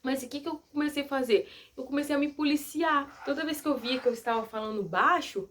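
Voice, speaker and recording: A young woman vlogger giving casual advice to the camera, soft-spoken, gentle and earnest. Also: high voice, quick pace, a little hiss or hum.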